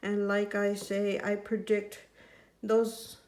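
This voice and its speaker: A middle-aged woman with a squeaky voice talks casually through household finances, thinking aloud in a halting way. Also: monotone, darkish tone. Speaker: budget vlogger.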